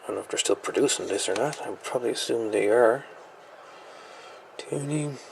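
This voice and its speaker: Brisk and medium-pitched, with vocal fry and a darkish tone, a hobbyist reviewer casually tours a radio gadget's internals at his workshop bench. He's laid-back, thinking aloud and mumbling asides, with a little hiss or hum in the background.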